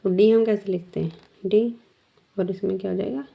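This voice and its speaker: A woman's voice: mid-range voice, fairly even intonation, creaky. A woman teacher explaining shorthand step by step, patiently asking her students questions. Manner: slow, patient, asks the class questions. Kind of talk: step-by-step lesson. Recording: dull lo-fi sound.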